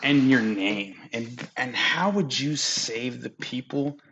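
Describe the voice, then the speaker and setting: A young man hosting a casual podcast chat at home, loose, profane and quick to laugh. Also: mid-range voice, fairly bright tone, dull audio, a little hiss or hum. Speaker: podcast host. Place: home room.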